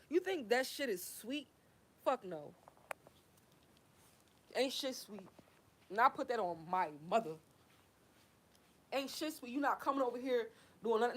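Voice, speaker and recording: A woman's voice: on the high side, a bit bright. A young woman ranting heatedly to her camera, swearing, preaching and repeating herself. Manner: fiery, swearing, repetitive, preachy. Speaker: vlogger.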